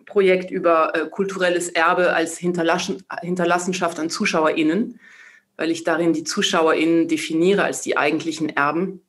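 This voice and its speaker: A woman's voice: lowish voice, steady tone, moderate pace. A woman artist in a casual dinner-table discussion, talking reflectively and asking herself questions aloud. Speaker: panel participant, artist.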